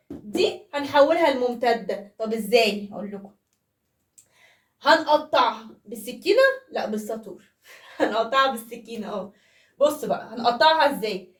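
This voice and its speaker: A high-pitched woman with an Egyptian accent teaching primary math in a playful, chatty tone, asking the children questions as she goes. Her voice echoes in the room and sits somewhat away from the microphone. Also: distant mic. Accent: Egyptian Arabic. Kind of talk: casual classroom explanation to young children.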